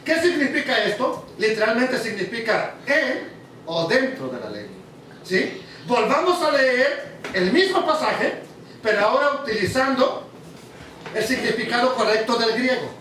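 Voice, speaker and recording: A preacher with a strikingly high voice teaches his congregation, stopping often to ask them questions. He sounds far from the mic. The hall around him rings with heavy echo. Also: sing-song, measured pace, pushed and bright, a little hiss or hum. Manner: asks the audience questions. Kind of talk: teaching sermon.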